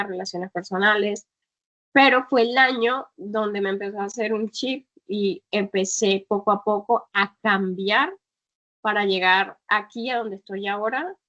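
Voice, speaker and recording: A travel entrepreneur and native Spanish speaker, this woman is a guest in a conversational interview, speaking reflectively with many fillers and restarts. Her mid-range voice is a bit bright, though the recording is muffled.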